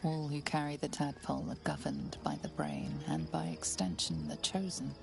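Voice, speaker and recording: A grave, gravelly game narrator. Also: female voice, very deep voice, sing-song, full character voice. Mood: foreboding. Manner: measured, ominous, deliberate. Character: grave omniscient female narrator of a fantasy game. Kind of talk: scripted game narration in second person. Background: game music.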